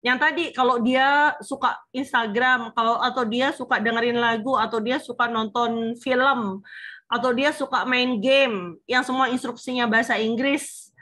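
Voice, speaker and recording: A woman's voice: a little high, fairly even intonation, normal speed, sharp tone. A woman supervisor advising a student on her thesis plan, explaining patiently with frequent fillers. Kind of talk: online thesis consultation.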